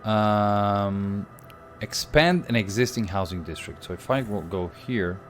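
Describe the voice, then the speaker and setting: A young Portuguese man with a Portuguese accent streams a strategy game, thinking aloud and chatting with viewers as he plays. His voice is lowish and measured, with soft music in the background.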